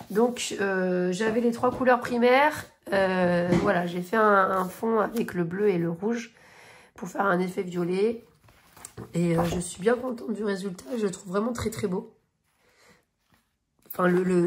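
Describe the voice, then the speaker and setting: This coloring vlogger, a woman in her thirties, has a medium-pitched voice, and there's slight hiss or hum. She gushes and rambles, full of fillers and restarts, as she casually shows off coloring books and completed pages.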